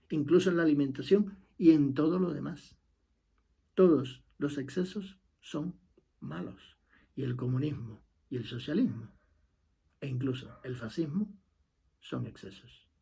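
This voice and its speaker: A man's voice: a little high, normal speed, gravelly, dark tone, slightly rough. A middle-aged man with a Cuban accent, delivering an impassioned opinion monologue and repeating his key points. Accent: Cuban Spanish. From Cuba. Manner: emphatic, repeats key phrases, trails off at sentence ends. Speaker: political commentator.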